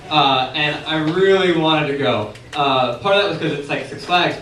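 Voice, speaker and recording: High-voiced man telling a comic story live. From San Antonio, Texas. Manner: animated, laughing through the telling. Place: bar storytelling night. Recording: echoey room recording from far off, noisy.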